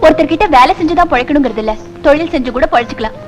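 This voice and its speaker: A woman playing a gentle pleading wife. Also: sits high, racing, faint music behind, lightly acted. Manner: soft, pleading. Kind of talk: 1980s film dialogue.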